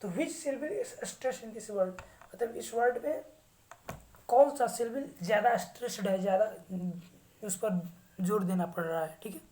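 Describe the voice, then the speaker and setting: A woman teaching English vocabulary who reads English sentences slowly with an Indian accent and then explains them in Hindi. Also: mid-range voice, mellow. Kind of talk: slow English vocabulary lesson.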